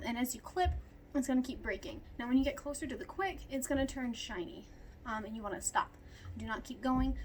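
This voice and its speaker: A woman's voice: on the high side, slight background noise. Breathless woman explaining dog nail care. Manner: chatty, lots of ums, talks to her dogs. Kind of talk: casual how-to explanation. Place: at home with dogs.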